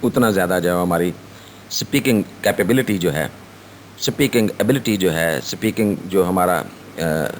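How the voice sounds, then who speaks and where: A man with a Pakistani accent giving a recorded college lecture to students. He speaks in a slow, halting way with many fillers, switching between Urdu and English. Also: deep voice, a little hiss or hum. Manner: reads English definitions slowly, then explains them.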